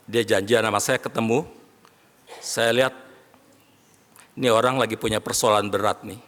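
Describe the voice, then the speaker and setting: A man preaching a sermon as pastor, animated, often rising to shouts as he addresses the congregation. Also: on the low side. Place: large worship hall. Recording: long hall reverb.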